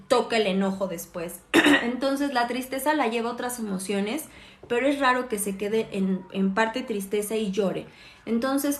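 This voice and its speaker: A woman, a therapist and mother speaking earnestly on a phone live stream. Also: on the high side. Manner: earnest, explanatory, with self-corrections. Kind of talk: live-stream parenting talk. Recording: roomy echoey room.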